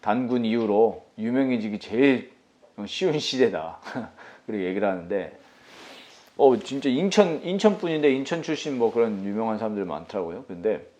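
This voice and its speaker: A man's voice: lowish voice, animated, moderate pace, mellow. A man in his thirties preaching a Sunday sermon as pastor, in a casual, conversational way, asking his listeners questions and laughing now and then.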